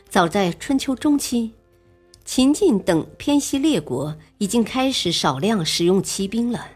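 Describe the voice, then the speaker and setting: Slow, husky female storyteller. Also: medium pitch, darkish tone. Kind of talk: serialized history storytelling.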